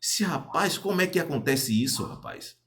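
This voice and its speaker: A man's voice: fairly high pitch, animated, normal speed, fairly bright tone, voice pushed up. A man voicing an indignant young bandit who scolds his partners in a folk tale told aloud. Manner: exasperated, scolding.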